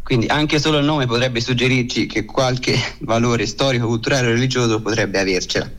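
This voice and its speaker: A man's voice comes through a phone line as he explains his subject to a radio host. He speaks in a steady, methodical way and lays out his points one after another. His pitch sits right in the middle for a man. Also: brisk. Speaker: expert guest on a radio show. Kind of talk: calm informative explanation.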